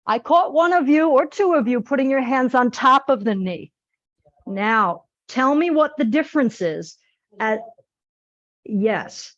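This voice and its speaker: A woman teaching a live group exercise class in a lively, chatty, joking and direct way. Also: high voice, unhurried, no echo, highs cut off. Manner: direct, plain-spoken coaching. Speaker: posture exercise instructor.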